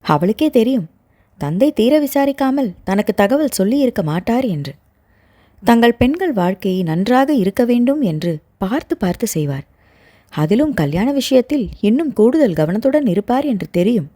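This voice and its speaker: A woman reads a novel aloud with an expressive storyteller's touch. Her pitch moves freely, and her tone is mellow and soft-edged. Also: normal speed. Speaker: audio novel narrator. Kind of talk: scripted narration.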